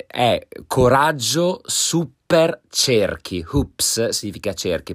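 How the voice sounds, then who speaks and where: Hoarse, animated Italian man storytelling. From Italy. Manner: animated, swooping pitch, emphatic. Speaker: vlogger telling a story. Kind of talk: storytelling monologue.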